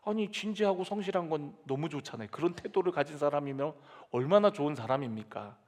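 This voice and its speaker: A man pastor delivering a lively sermon, acting out quoted voices and dropping to soft asides. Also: a little high, fast talker. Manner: animated preaching with dramatic quoted voices and sudden soft drops. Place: church sanctuary.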